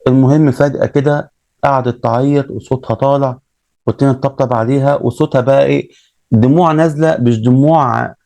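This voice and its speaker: A man's voice: mid-range voice, steady tone, brisk, creaky, mellow, dry recording. A man with an Egyptian Arabic accent telling a religious story in a casual way, repeating himself and restarting often. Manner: retells events with many repeats and restarts.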